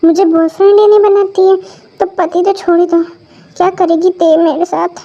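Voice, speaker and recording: A woman's voice: extremely high pitch, flat delivery, moderate pace, mellow. A woman voicing a self-pitying young man who rambles and whines over his drink. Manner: whining, rambling. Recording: dull lo-fi recording.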